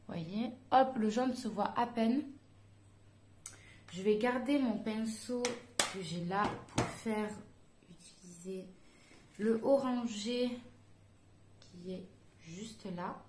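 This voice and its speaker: A woman talks her viewers through her makeup in a loose, chatty way, hesitating often and filling pauses. Her voice sits at a middle pitch. The recording has a noticeable room echo. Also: darkish tone. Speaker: beauty vlogger. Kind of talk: casual makeup tutorial chat. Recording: echoey room.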